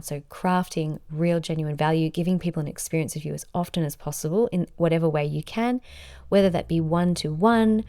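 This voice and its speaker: Upbeat woman coach, lower voice. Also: dark tone, dry recording, clean studio sound. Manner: upbeat, emphatic, stacks words in lists. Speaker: business coach and podcast host. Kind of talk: solo podcast talk. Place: sitting on a bed.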